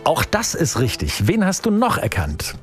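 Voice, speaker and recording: Upbeat German radio host, slightly high. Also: male voice, wildly swooping pitch, fairly bright tone. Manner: upbeat, chatty, quick to praise. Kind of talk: radio quiz call-in.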